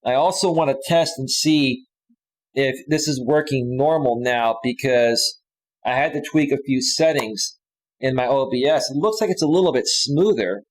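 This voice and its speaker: A man in his forties talks off the cuff on his own live stream, looping back and restarting his sentences. His voice sits at an ordinary middle pitch. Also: moderate pace, rough recording. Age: 40s. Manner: rambling, with frequent restarts and fillers. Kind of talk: casual live stream talk.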